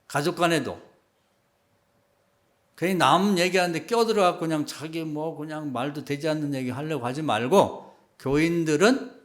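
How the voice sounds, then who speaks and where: A middle-aged man preaching a sermon as pastor, in a conversational style that rises to loud emphatic peaks and drops to quiet asides. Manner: conversational preaching, acts out quoted remarks in a low hushed voice.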